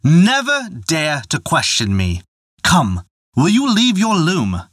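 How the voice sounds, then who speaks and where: A man's voice: medium pitch, huge pitch swings, a little slow, sharp tone, dry recording, studio quality, voice pushed up, exaggerated voice. A man voicing a stern, angry old male sky god who scolds his daughter in a told folktale. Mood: scolding. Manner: scolding, imperious. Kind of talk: storybook narration.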